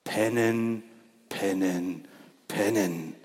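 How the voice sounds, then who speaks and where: A man voicing a sleepy, lazy badger in a low, drowsy voice. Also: drawn-out words, a little mellow, slightly rough, full character voice. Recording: long church reverb.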